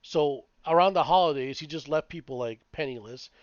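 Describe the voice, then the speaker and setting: This is a man in his late thirties, a podcast co-host, whose voice is a little high and whose pace is fairly quick. In casual conversation he curses, rambles, and rants with animation. The recording is dull, lo-fi, and dry, without echo.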